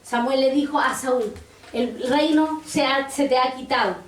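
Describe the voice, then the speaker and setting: A woman pastor preaches a sermon with a high, ringing voice. She reads scripture aloud and turns to the congregation with questions. The recording is roomy and distant, as if caught from across a church. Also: a little slow.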